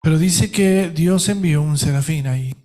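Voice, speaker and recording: A middle-aged man with an Argentine Spanish accent, preaching a sermon as pastor with emphatic delivery and dramatic pauses. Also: a little high, warm tone.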